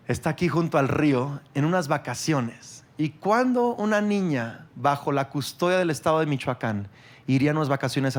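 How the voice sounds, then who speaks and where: A middle-aged man preaching a sermon, swinging from loud emphasis to hushed tenderness. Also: mid-range voice. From Mexico. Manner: emphatic, rises loud then drops soft. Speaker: pastor.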